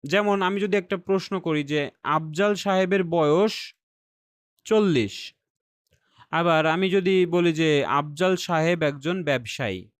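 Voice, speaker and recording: A man's voice: on the high side, slow, pauses often, dry recording, studio quality. A man teaching an exam-skills lesson step by step. He often checks in with his listeners and mixes English terms into his explanations. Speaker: IELTS reading teacher.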